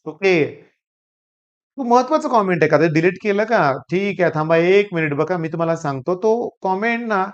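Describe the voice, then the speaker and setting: A man's voice: high voice, lively intonation, moderate pace, smooth, lo-fi sound. A male teacher from Maharashtra with a Marathi accent, talking emphatically to camera and repeating catchphrases to his students.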